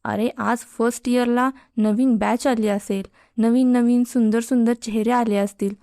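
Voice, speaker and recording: A woman's voice: fairly high pitch, steady tone, measured pace, mellow, dry recording, studio quality. A woman voicing a cheeky, joking young male college student with a flippant way of talking. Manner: teasing, flippant.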